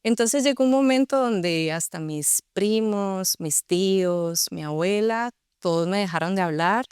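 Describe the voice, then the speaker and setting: Costa Rican woman, smooth clear voice. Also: medium pitch, a little slow, a little mellow, dry recording, studio quality. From Costa Rica. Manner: earnest, reflective storytelling. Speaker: interview guest. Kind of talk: personal testimony.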